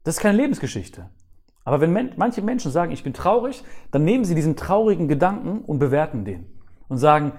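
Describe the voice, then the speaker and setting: A man's voice: on the high side, a little fast. A man, a guest on a podcast, talking casually and giving life advice, acting out people's thoughts in little quotes and tagging "ne?" onto his phrases. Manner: animated, acts out other people's thoughts in quotes; ends phrases with "ne?".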